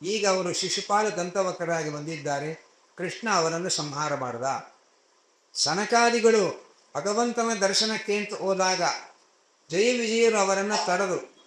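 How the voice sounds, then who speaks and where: A man's voice: high voice, slow pace, fairly bright tone. A man giving a religious discourse, telling scripture stories in a conversational way with everyday asides, recorded in an echoey hall. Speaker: spiritual discourse speaker.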